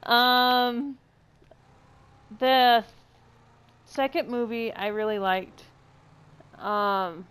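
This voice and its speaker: A woman's voice: mid-range voice, fairly bright tone, clear, resonant tone. A woman co-hosting a casual podcast, chatty and rambling, with frequent fillers. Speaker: podcast co-host.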